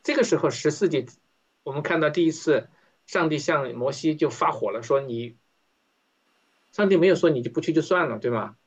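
A man's voice: fairly high pitch, animated, brisk, breathy edge. A man leading an interactive Bible study, talking conversationally and often asking his listeners questions. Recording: dull lo-fi recording.

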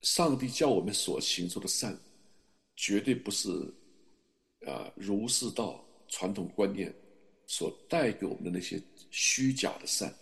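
A man's voice: lowish voice, expressive, unhurried, vocal fry, fairly bright tone. A middle-aged man preaching a sermon and telling a personal testimony in an earnest, confessional way that rises to fervent emphasis. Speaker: pastor.

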